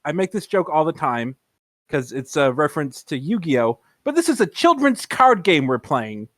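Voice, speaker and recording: A man's voice: fairly high pitch, big pitch swings, moderate pace, a bit bright, no echo. A man co-hosting a podcast, talking earnestly in casual discussion and repeating words as he builds his point. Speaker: podcast co-host.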